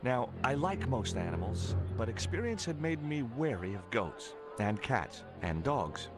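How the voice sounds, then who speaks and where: A wry, easygoing adventurer from a video game. His medium-pitched voice moves expressively up and down, with faint music underneath. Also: sing-song, measured pace, a crowd in the background. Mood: dry narration. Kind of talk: video game voice acting with narration.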